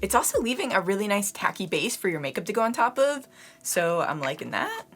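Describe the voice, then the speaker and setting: A young woman giving a casual beauty product review. She is slightly hoarse and talks to her viewers in a chatty way, often using "like" as a filler. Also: mid-range voice, very animated, brisk, fairly bright tone, slight background noise. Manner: chatty, addresses viewers as "you guys", frequent "like" fillers. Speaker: beauty vlogger.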